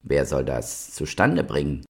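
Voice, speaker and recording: A kind-hearted hare from a storybook muses in a hesitant voice, as a man reading aloud puts it on. The voice is gravelly and husky. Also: very deep voice, lively intonation, measured pace, full character voice. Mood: musing.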